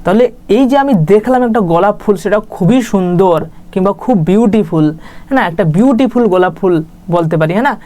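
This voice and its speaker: A woman's voice: medium pitch, expressive, brisk, dark tone. A woman teaching English grammar in a casual, chatty way, often checking that listeners follow along. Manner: chatty, with repeated "right?" check-ins. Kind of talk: casual spoken lesson.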